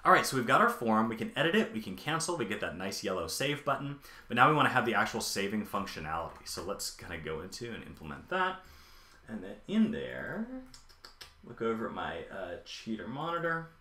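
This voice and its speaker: A man in his thirties live codes on a stream from his home office, thinking aloud with many ums and answering chat questions. His voice is lowish yet very animated, brisk, pushed, and bright, recorded indoors in an echoey room.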